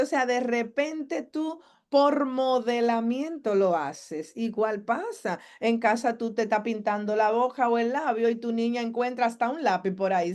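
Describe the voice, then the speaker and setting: Woman psychologist, lively teacher, questions the room, fairly high voice. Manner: asks the audience questions and acts out family members' lines. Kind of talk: live masterclass talk.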